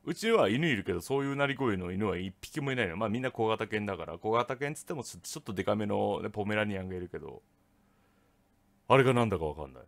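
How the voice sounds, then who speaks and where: A man telling a ghost story from his own life in a rough, casual way of talking. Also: on the low side, quick pace. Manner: rough, casual speech with lively swings. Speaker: ghost story teller, channel host.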